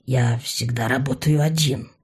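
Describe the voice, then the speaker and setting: A woman's voice: extremely low pitch, fairly even intonation, a little slow, breathy edge, full character voice. A woman voicing a sly, mocking young male mage who drawls and teases. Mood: drawling. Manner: drawling, teasing.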